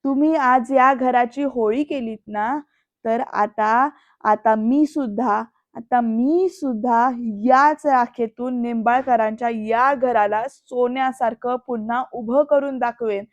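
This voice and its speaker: A woman voicing a defiant young heroine who speaks slowly and emphatically, on a dull lo-fi recording. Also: fairly high pitch, steady tone, no echo. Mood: determined. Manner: slow, emphatic, determined. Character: defiant young woman vowing to rebuild her family. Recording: dull lo-fi dry voice-over.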